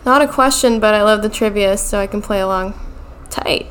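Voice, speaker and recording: A woman's voice: medium pitch, a little fast, noisy background. A woman podcast co-host in casual chat, giggly and tipsy, laughing through her words.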